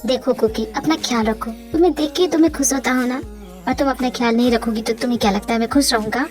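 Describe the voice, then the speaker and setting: A woman voicing a tender young husband in a fan audio drama, speaking low and softly to comfort his wife. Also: fast talker, faint music behind, natural voice. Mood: soothing. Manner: soft, soothing, reassuring. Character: tender, devoted young husband, soothing and calm.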